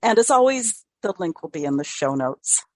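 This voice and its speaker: An older woman hosts a podcast in a lowish voice, upbeat and friendly. Her voice sounds close and dry, with no room echo, as she moves briskly through the interview and the sign-off. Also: sing-song, a little mellow. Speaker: podcast host.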